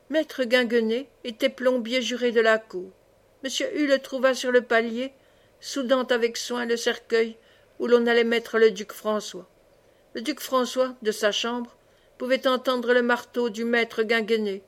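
A woman reading a classic novel aloud as an audiobook, in measured narration, lightly voicing the characters. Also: fairly high pitch. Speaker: audiobook reader.

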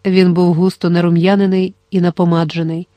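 A steady audiobook narrator reads the story in a dark, mellow tone. The delivery stays even and controlled, and the recording is dry and close with no room sound. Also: mid-range voice, fairly quick, no echo. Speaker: audiobook reader.

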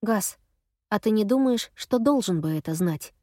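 A woman's voice: mid-range voice, animated, moderate pace, mellow, dry recording, studio quality, natural voice. Female narrator doing a flustered man in a car, hesitant, easily rattled. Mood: thoughtful. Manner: hesitant, then swearing in panic. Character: worried middle-aged man, flustered and sighing.

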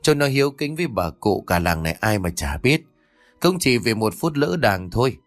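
A man's voice: lowish voice, normal speed, faint music behind. A man voicing a reassuring older village neighbor consoling a young man. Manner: calm, reassuring.

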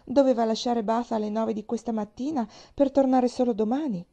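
A woman reading an audiobook who voices a composed, reserved young woman in calm, measured replies. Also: on the high side, dull audio, pitched above the performer's own voice.

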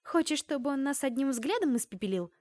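A woman's voice: high voice, animated, a little fast, darkish tone, no echo, clean studio sound, voice pushed up. A woman reading an audiobook voices a grumbling, smirking young woman student.

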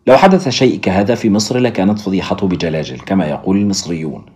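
Fast low-voiced male storyteller. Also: lively intonation, a little mellow. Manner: storyteller addressing listeners. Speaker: narrator. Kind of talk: scripted audiobook narration.

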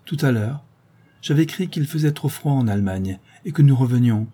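Young countess, man reading, courteous, firm, mellow dark voice, husky, audiobook. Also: mid-range voice, lively intonation, a little fast, pitched above the performer's own voice. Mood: explaining. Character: young caring countess, gracious and insistent.

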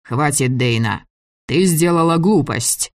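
A man's voice: fairly high pitch, expressive, slow pace, no room sound. A man voicing a stern, angry male school director who gives curt orders, in a dry audiobook reading. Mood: furious. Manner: curt, commanding, shouting.

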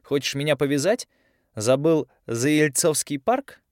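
A man's voice: fairly high pitch, animated, measured pace, a little mellow, dry recording, studio quality, pitched above the performer's own voice. A male audiobook reader voicing a stubborn, defiant young woman who talks in a pressing, sarcastic way.

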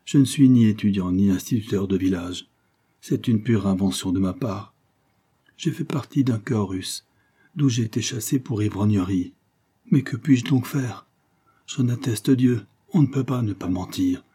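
A man's voice: measured pace, dark tone, breathy edge. A man voicing a ragged drunken beggar who pleads and stammers. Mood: pleading. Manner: pleading, stammering, high and strained.

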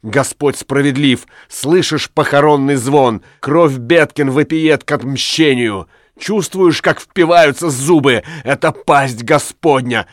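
A man's voice: medium pitch, takes it slowly, no echo, clean studio sound, pitched above the performer's own voice, lightly acted. A man voicing a grieving village mother screaming for revenge in a storybook reading. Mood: vengeful. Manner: screaming, frenzied.

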